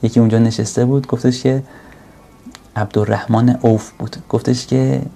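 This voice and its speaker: A man giving an earnest sermon, now and then slowing down and rising in pitch and force to stress a point. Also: level tone, gravelly, warm tone. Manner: earnest, swells to slow emphatic peaks. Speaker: religious speaker.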